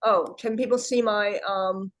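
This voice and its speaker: A woman's voice: mid-range voice, fairly even intonation. Woman on a glitchy, breaking-up call. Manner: slow, hesitant, murmuring to herself. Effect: choppy video-call audio that keeps breaking up. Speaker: guest author presenting slides. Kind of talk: casual video-call presentation. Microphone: video call.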